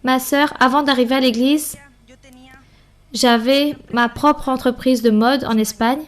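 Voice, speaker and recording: This French voice-over of a Bible study and a church member's testimony is spoken by a woman with a high voice and fairly even intonation. She keeps to short, earnest, measured phrases.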